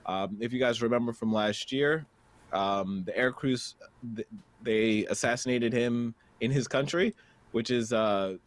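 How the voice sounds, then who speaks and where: A man co-hosting a podcast, reading a news item aloud and giving measured opinions in casual political talk. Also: mid-range voice, dry recording. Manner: reads news aloud then comments, measured. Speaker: podcast co-host.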